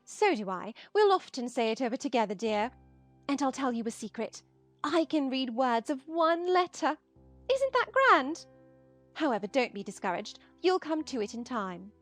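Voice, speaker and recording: A woman's voice: high voice, very animated, normal speed, no room sound. A woman playing a foolish, good-tempered, fluttery queen, earnest and childishly proud, in an audiobook drama. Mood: proud, confiding. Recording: music behind the voice.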